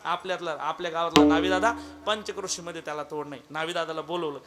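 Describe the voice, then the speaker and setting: A male kirtan preacher tells a comic devotional story, lively and playful, calling on listeners by name. His voice sits high for a man. Music plays behind him. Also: quick pace. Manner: humorous, animated, addresses listeners by name.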